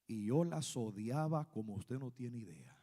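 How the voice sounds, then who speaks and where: A man from Guatemala preaching a sermon as pastor, animated and speaking straight to his listeners as brothers. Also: medium pitch, measured pace, in a large hall. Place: church sanctuary.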